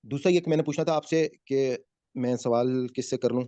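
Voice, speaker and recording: A man teaching a Quran recitation class over a video call, explaining slowly and calling on students by name. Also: mid-range voice, dark tone, dry recording. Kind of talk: online class teaching, mixing Urdu and English.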